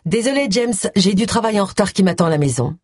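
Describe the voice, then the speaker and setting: A reader voicing Agatha, a brisk, impatient middle-aged woman sleuth, in an audiobook, with clipped, defensive replies. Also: mid-range voice, expressive, dry recording, studio quality, lightly acted.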